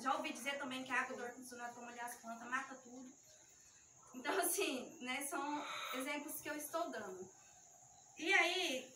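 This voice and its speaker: A woman's voice: high-pitched, noisy background. A woman giving a youth ministry teaching talk, explaining each step of a live demonstration to her listeners, her voice shaky with nerves. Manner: explanatory, talks the audience through each step. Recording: echoey room mic from far off.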